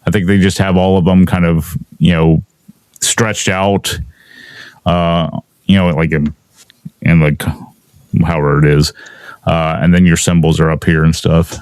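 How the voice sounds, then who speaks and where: A man hosting a casual podcast, speaking haltingly with many "you know" and "I mean" fillers. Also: sits low, little pitch movement, a little mellow, clean tone, dry recording. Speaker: podcast host.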